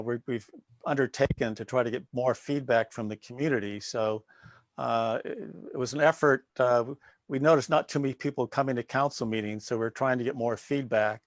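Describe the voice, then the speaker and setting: A sitting mayor answers questions at a candidate forum over a video call. He talks plainly and fills his pauses with "uh". His voice sounds dry and close. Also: medium pitch, dry recording.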